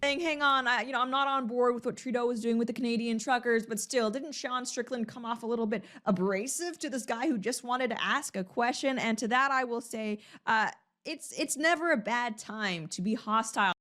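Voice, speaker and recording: A woman's voice: a little high, brisk, a bit bright. A woman hosting a commentary video, presenting a news story in a conversational way. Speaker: video host.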